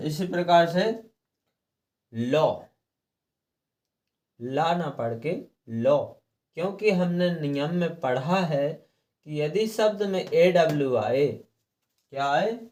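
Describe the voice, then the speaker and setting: A man's voice: fairly high pitch, lively intonation, extremely slow, long pauses, a little mellow. A man teaching a lesson on English reading rules, patiently repeating each rule and spelling letters out one by one. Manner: clears throat now and then. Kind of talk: slow explanatory lesson.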